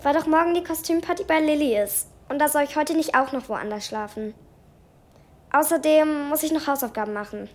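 Woman as a high-voiced, doubtful schoolgirl with dry retorts, kids' radio drama. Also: a little fast, darkish tone, natural voice. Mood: grumpy. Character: sceptical schoolgirl Eileen, grumpy and quick-witted. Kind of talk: children's radio play.

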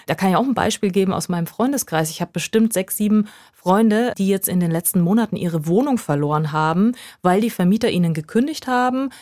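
A woman reporter explaining events in a relaxed conversational way, using everyday examples from her own life. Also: medium pitch, brisk, few pauses, dry recording, studio quality. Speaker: foreign correspondent guest. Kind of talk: conversational podcast interview.

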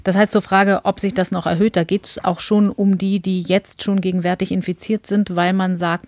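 A woman's voice: on the low side, darkish tone, no echo. A woman hosting a podcast interview, setting context before asking probing questions. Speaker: podcast host.

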